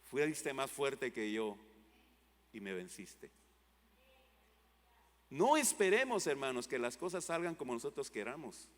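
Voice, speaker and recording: A male pastor preaching a sermon, with fervent rises to loud exclamations and drops to low, quiet lines. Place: church hall. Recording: long church hall reverb.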